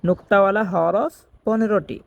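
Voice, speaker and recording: High gravelly guy teaching arabic letters slow, repeats every sound, bit of hiss behind. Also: steady tone, dull audio. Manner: slow, repeats each letter and explains it step by step; chants the Arabic opening phrases in a drawn-out sing-song. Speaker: Quran teacher.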